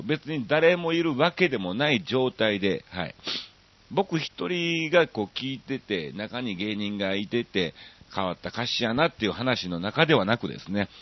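A man from Osaka with a Kansai accent hosting a radio show, chatting casually and reading listener mail with lots of drawn-out fillers. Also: on the low side, highs cut off. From Osaka, Japan.

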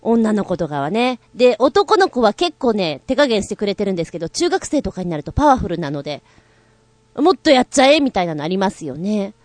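A woman's voice: medium pitch, fairly quick, dry recording. Female co-host with a bouncy, playful delivery and a dry, close sound. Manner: animated, playful storytelling with giggles; acts out quoted lines in exaggerated voices. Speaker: radio show co-host. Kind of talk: casual chat.

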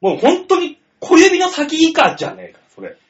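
Guy cohosting a jokey radio talk show, high voice, bouncy and playful, kinda muffled lo-fi sound. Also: normal speed. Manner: animated, joking, puts on silly voices. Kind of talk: casual comedy radio chat. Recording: dull lo-fi radio recording.

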